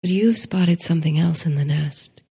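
A woman narrating a sleep story in a soft, hushed voice that slips into whispers. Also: deep voice, moderate pace, creaky, slightly rough, in a large hall.

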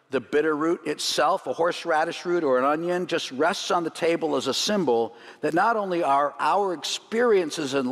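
A man with a slightly high voice leads a church congregation through a Seder plate, explaining each item. He teaches with light jokes and chuckles. His voice rings with a long reverb through the sanctuary. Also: fairly bright tone. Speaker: rabbi leading a Seder demonstration. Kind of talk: sermon demonstration.

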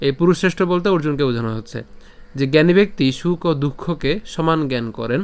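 A man teaches how to pronounce Sanskrit verses, breaking words apart sound by sound with patience and chanting the lines slowly. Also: a little high, smooth. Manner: patient, explains sound by sound and checks in with "okay?". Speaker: Gita recitation teacher.

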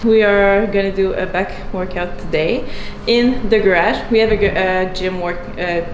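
This medium-pitched young woman is a fitness athlete filming a casual vlog of training tips at home, in her garage gym and kitchen. She's chatty, with hesitant fillers and little laughs, while hip hop music plays in the roomy garage and a slight hiss or hum sits under the audio.

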